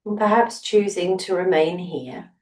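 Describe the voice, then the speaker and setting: A woman softly guiding a breathing meditation, slow and soothing with long pauses. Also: fairly low pitch, roomy sound, distant mic. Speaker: breathwork teacher.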